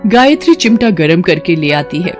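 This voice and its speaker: Narrator: woman telling a cartoon story, mid pitch, steady. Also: normal speed, faint music behind.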